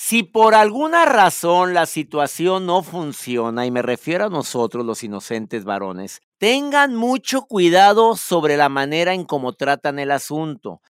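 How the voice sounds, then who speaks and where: A man's voice: a little high, big pitch swings, unhurried, few pauses, a bit bright, clear, resonant tone, no echo, clean studio sound. A man with a Mexican Spanish accent hosting a casual podcast, giving playful, teasing advice full of affectionate nicknames. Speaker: podcast host.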